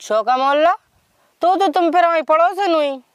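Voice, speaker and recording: A man's voice: very high voice, normal speed, a little hiss or hum. An actor playing a flirtatious, eager, rustic middle-aged village father in a comedy skit. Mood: curious, flirty.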